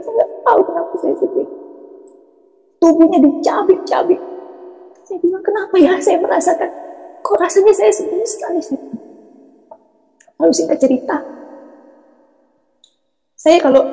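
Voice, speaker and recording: Middle-aged woman, earnest halting testimony, high voice, reverberant hall sound. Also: mellow. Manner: earnest, halting, many fillers. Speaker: testimony speaker. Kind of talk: personal faith testimony.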